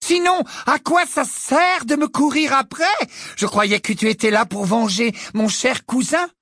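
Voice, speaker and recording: A reader voicing a cruel, gloating witch who taunts and shouts in an audiobook. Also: high voice, unhurried, dry recording, studio quality, voice pushed up, exaggerated voice. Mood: mocking baby talk. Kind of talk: audiobook character voice.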